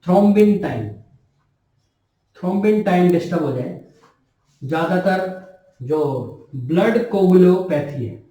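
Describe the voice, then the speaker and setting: Speaking unhurriedly with long pauses, a man lectures nursing students as their tutor, his warm, high-sitting voice full of lively intonation. He repeats important terms and asks questions only to answer them himself, captured by a distant mic in an echoey room.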